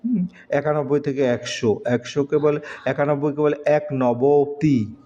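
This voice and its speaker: Man teaching, slow recitation, dull recording. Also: a little high, dark tone. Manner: slow, drawn-out recitation of letters and numbers. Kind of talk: exam-prep lesson.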